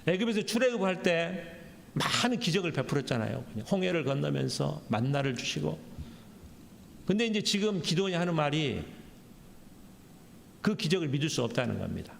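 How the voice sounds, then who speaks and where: A man preaches a Sunday sermon with a gravelly, fairly high voice that swings widely in pitch. He acts out blunt, challenging questions and keeps tagging his sentences with the same refrain. The sound carries the long reverb of a church hall. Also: sing-song, normal speed, pauses often. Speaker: pastor. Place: church sanctuary. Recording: echoey church hall, faint background noise.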